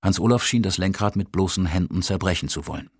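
Husky deep male audiobook narrator. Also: fast talker, no room sound, studio quality.

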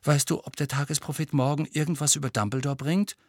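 A man's voice: a little high, steady tone, fast, no echo, clean studio sound, pitched above the performer's own voice. A man reading an audiobook, voicing an earnest, protective teenage boy who pleads insistently. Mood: urgent, worried.

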